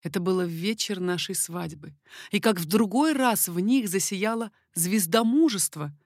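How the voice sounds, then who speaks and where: A woman reading an audiobook, voicing a shrewd, wary young king who speaks in a measured, guarded way. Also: mid-range voice, a little mellow, dry recording, studio quality, lightly acted.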